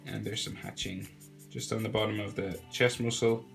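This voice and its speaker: Faint music accompanies a young drawing tutor whose cold makes his fairly low, creaky voice sound nasal. At a moderate pace, he casually talks through the drawing one step after another.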